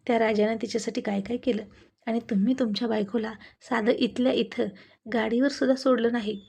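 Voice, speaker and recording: A woman voicing a quarrelsome wife who scolds her husband with sarcastic retorts, in a gravelly, husky voice. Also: a little high, steady tone, a little fast, a little mellow. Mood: mocking. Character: sharp-tongued quarrelsome wife, adult woman.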